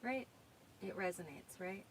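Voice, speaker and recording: An American woman with a Minnesota accent hosts a casual livestream, reading viewer comments and musing aloud while she searches for things. Her medium-pitched voice is animated and measured in pace, on a rough recording with faint background noise.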